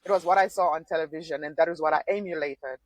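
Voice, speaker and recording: A former Zimbabwean political candidate in her forties speaks fast in a low-pitched, steady tone, with no room sound. Guesting on a podcast, she thoughtfully relates her story in conversation, laughing a lot and often restarting.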